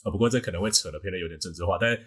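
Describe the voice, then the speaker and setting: A man with a Taiwanese Mandarin accent and a husky voice, casually explaining his views as a podcast host and teacher, often circling back over his words. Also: sits low, very fast, fairly bright tone.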